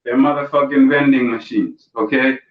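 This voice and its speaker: A man's voice: mid-range voice, steady tone, moderate pace, phone-quality sound. Man telling stand-up stories, roomy distant audio. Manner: storytelling with punchy asides to the audience. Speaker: stand-up comedian. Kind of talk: stand-up routine over a video call. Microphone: video call.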